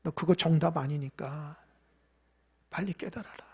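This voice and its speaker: A male preacher voicing Jesus as a gentle, forgiving man who speaks softly, often close to a whisper, within a sermon. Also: on the high side, unhurried, vocal fry, slightly rough, lo-fi sound, voice pushed down, exaggerated voice. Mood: tender. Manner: hushed, tender, often near a whisper.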